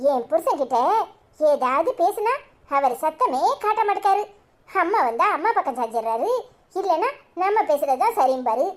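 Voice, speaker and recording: A put-upon young wife voiced by a woman who grumbles at length in a cartoon. She speaks Tirunelveli Tamil in a high, lamenting voice. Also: big pitch swings, moderate pace. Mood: complaining. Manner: complaining, lamenting. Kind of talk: cartoon voice acting.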